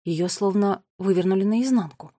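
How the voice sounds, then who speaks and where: A woman narrating a children's story in an even, measured reading. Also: medium pitch, dry recording, clean studio sound. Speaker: audiobook narrator. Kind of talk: scripted narration.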